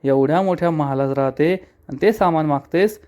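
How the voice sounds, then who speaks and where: A man's voice: on the high side, normal speed, a little mellow, close to an everyday voice. A man voicing a scolding sister-in-law. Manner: taunting, scolding. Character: sharp-tongued scolding woman, sister-in-law.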